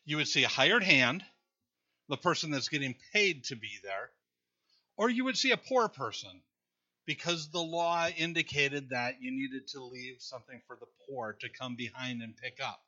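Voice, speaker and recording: Bright-voiced man preaching a sermon. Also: mid-range voice, animated, moderate pace, lo-fi sound. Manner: conversational preaching, reads scripture aloud, jokes with the congregation. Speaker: pastor.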